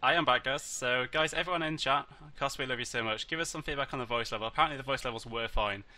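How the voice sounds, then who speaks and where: Fast-talking, tired esports caster. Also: male voice, medium pitch, pushed and bright. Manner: chatty, rambling, jokey asides to chat. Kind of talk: casual live-stream commentary. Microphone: headset mic with voice activation.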